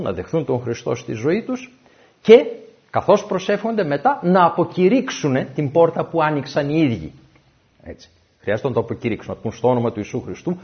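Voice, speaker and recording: A man preaching a sermon, telling personal stories and acting out the dialogue. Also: mid-range voice. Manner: animated storytelling, acts out dialogue. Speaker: pastor. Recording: dull lo-fi recording.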